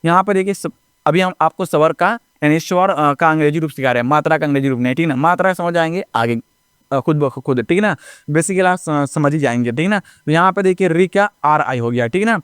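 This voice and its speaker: A man with a high-pitched, clean and resonant voice runs a basic lesson. He recites letters slowly and keeps asking his listeners if they follow. The sound is dry and close. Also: a bit bright, clear, resonant tone, no echo. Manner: repetitive, keeps checking with "ठीक ना?" and addressing viewers as friends. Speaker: teacher. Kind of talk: classroom-style lesson narration.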